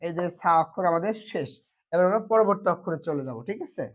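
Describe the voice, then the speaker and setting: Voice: mid-range voice, lively intonation, fast. A Quran reading teacher gives an online lesson on Arabic letters. The teacher talks patiently and repetitively, asks a question and answers it, and keeps checking that viewers are following. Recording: dull lo-fi recording.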